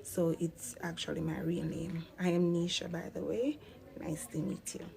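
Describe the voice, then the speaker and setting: A woman's voice: fairly low pitch, little pitch movement, moderate pace, gravelly, noisy background. A Jamaican woman in her thirties chatting casually through a Q&A vlog, slipping into patois now and then. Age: 30s. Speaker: vlogger.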